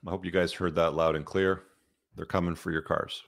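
A man's voice: low-pitched, flat delivery, a little fast, soft background music. A man hosting a livestream, chatting casually and giving opinionated, informal commentary to his viewers. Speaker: livestream host.

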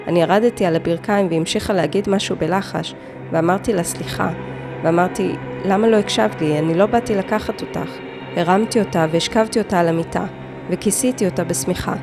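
A woman narrating a true-crime story, reading in a measured way with short, clipped phrases. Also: on the low side. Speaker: podcast narrator.

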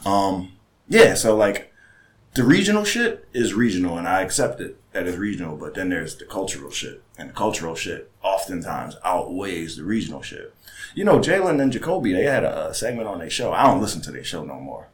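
A man co-hosting a casual chat, telling stories in an animated way and mimicking other people's voices. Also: low voice, fairly quick, a little hiss or hum.

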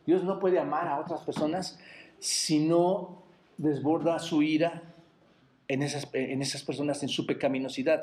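A man with a Mexican Spanish accent preaching a sermon as pastor, asking the congregation rhetorical questions and dropping his voice to a quiet aside on "brothers". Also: on the high side, a little hiss or hum. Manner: repeats "hermanos" in a dropped, quiet voice. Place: church.

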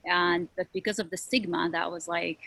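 Casting: woman therapist, forties, gravelly and sharp-toned, flat delivery. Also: lowish voice, moderate pace, poor audio. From Syria. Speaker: licensed therapist, panelist. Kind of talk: self-introduction on a panel.

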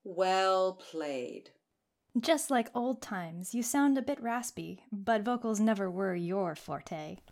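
A woman's voice: medium pitch, expressive, slow, vocal fry, a little mellow. Woman doing a smug bandit lady, gloating and theatrical, audio drama vibe. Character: scheming female bandit lute player.

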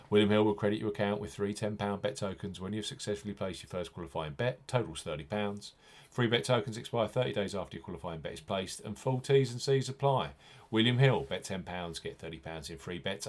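A low-voiced man delivers a scripted betting promo as a podcast host. He reads like an announcer, punching the key phrases with clear emphasis. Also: animated, brisk.

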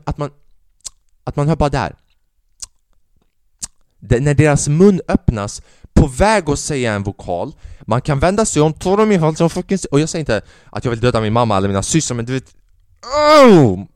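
A man hosting a podcast, telling a story in a casual monologue, animated and swearing, acting out the people he quotes. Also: mid-range voice, dry recording, clean studio sound. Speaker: podcast host; stand-up comedian.

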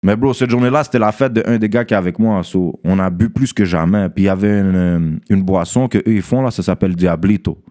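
A young man tells his friends a story casually and with animation, sprinkling in English slang and often asking "tu comprends?" His voice is fairly low, and he talks quickly with few pauses.

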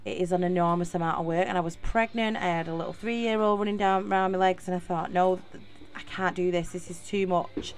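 Brisk and clear, this young woman's voice sits on the low side with a steady, resonant tone. She's a Mancunian podcast host from Manchester, rambling chattily through a solo episode full of fillers and restarts.

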